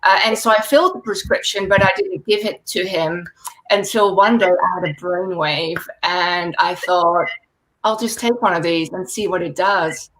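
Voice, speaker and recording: Doing stand-up on a video call, a Netherlands-raised, native Dutch-speaking woman in her forties keeps it dry and deadpan with laughing asides. Her pitch is fairly low, her speed normal, and the audio poor.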